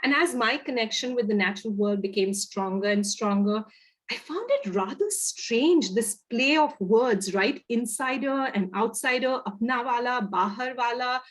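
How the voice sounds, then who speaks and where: Speaking at a moderate pace with a fairly high pitch, this Indian woman presents on a video call as a webinar guest speaker. Her reflective storytelling carries lively emphasis, and she has an Indian accent.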